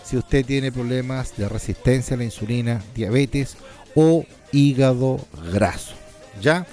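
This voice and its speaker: A man's voice: mid-range voice, measured pace, mellow. A man presenting a natural health sales programme informally, explaining didactically and often checking in with short tag questions. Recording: faint music behind the voice.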